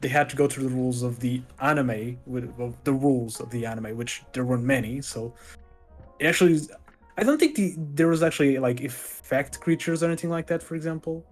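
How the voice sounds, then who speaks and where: A man's voice: mid-range voice, fairly quick, faint music behind. Hesitant man in a casual podcast. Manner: hesitant, laughing, many fillers. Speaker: podcast co-host. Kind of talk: casual chat.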